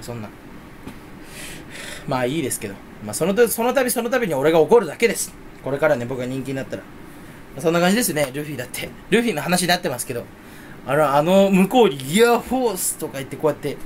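A man's voice: on the high side, slight background noise. A young man rambling playfully in a solo casual chat, mocking himself as he goes. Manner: mock Kansai dialect in quoted bits. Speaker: streamer.

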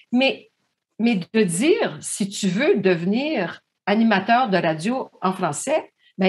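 A woman with a Franco-Manitoban French accent, speaking as a panelist in a discussion, thoughtful and often restarting her sentences. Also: medium pitch. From Manitoba, Canada.

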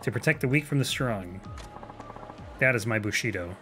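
A man voicing a calm, principled foreign warrior who speaks in an earnest, measured way. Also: medium pitch, faint music behind.

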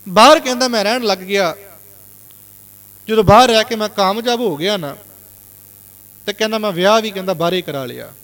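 A male Sikh preacher from Punjab tells a moral story to his congregation. His voice sits high, and he keeps retelling what others said. A long hall reverb follows his words. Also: fairly bright tone. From Punjab, India. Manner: retells reported speech with constant "he said" tags. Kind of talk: storytelling sermon.

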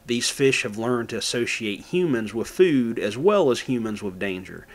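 A man's voice: medium pitch, expressive, moderate pace. A man from Florida narrating his own fishing footage in a plain, folksy how-to manner. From Florida, USA. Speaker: fishing channel host.

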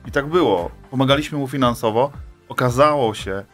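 A man's voice: mid-range voice, fairly quick, fairly bright tone. Man, studio guest, matter-of-fact, faint music in the background. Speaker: finance advisor guest. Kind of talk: radio interview answers. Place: radio studio. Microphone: studio boom mic.

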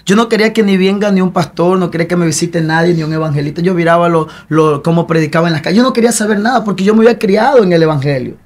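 A man's voice: sits high, rapid-fire, few pauses. A young man giving an emotional personal testimony with a repetitive, preacher-like cadence.

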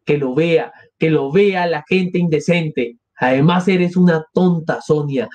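A man voicing a frantic, consumptive noble mother, shrill and breathless. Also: unhurried, darkish tone. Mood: bitter.

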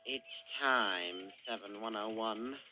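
A man's voice: fairly low pitch, takes it slowly, pushed and bright, slight background noise, voice pushed down, full character voice, low-quality recording. A man voicing a smug, scheming male diesel engine in an amateur toy train film, talking in a cold and superior way. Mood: haughty.

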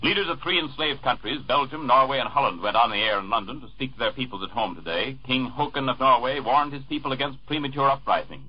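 A man reads the news in a formal, measured tone, his voice husky and slightly breathy. It comes through a dull, muffled 1940s radio broadcast recording, with the top end rolled off. He is a studio newscaster delivering bulletins. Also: mid-range voice, expressive. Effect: old 1940s radio broadcast recording.

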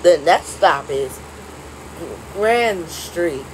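A woman making recorded subway train announcements, stop by stop in a flat, measured announcer delivery. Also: lowish voice, slight background noise, poor audio.

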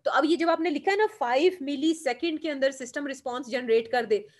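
A woman's voice: sits high, brisk. A woman with a Pakistani Urdu accent giving a classroom lecture, explaining step by step, asking the class questions and answering them, and mixing English terms into her Urdu.

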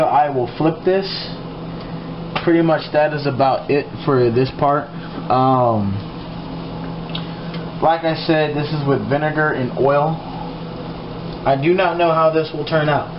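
A man films himself at the stove for a casual cooking vlog, rambling slowly and hesitating through fillers. His voice sits a little high. The sound comes from a camera mic in an echoey home kitchen, dull and noisy. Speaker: cooking vlogger.

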